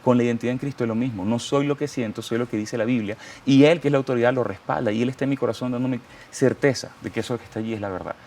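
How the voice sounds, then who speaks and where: Appearing as an interview guest, this Venezuelan man gives an impassioned, sermon-like testimony laced with scripture quotes. His medium-pitched, slightly mellow voice races along very fast with hardly any pauses.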